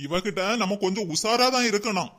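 A man's voice: high voice, a little fast, a bit bright. A man voicing a husband in a comedy cartoon who acts bold but is scared of his wife, with a Kanyakumari Tamil accent. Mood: bluffing. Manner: bluffing, then muttering asides.

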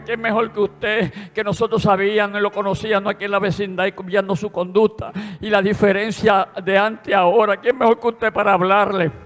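A man's voice: high voice, pitched below the performer's own voice, close to an everyday voice. A man with a Puerto Rican accent voicing a kindly woman neighbor in a sermon story, speaking in a tender, pleading way. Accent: Puerto Rican Spanish. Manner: tender, pleading quoted speech. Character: elderly kindly woman neighbor, warm-hearted. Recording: long church reverb with instrumental music.

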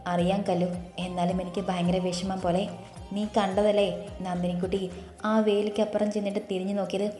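A woman voicing a tired, grieving middle-aged mother who speaks low and wearily. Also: little pitch movement, normal speed, dark tone, reverberant, soft background music, close to an everyday voice. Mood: weary.

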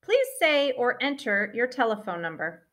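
A woman reads phone menu prompts in a polite, measured voice. Her pitch sits a little high and moves a lot. Each prompt comes out clear and even.

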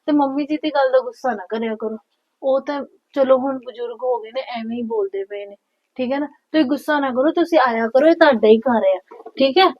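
Young woman doing a sweet coaxing daughter-in-law, punjabi accent, high voice, kinda dull dry audio. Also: fairly quick, dry recording. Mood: warm reassuring. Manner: coaxing, soothing. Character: gentle young daughter-in-law, patient peacemaker. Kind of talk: Punjabi short film acting.

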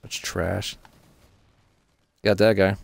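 A man with a low, gravelly voice runs a steady stream of frustrated, profane gameplay commentary. His talk is casual and close to the mic. The sound is dry, with no room echo. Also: very slow. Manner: frustrated, profane running complaints.

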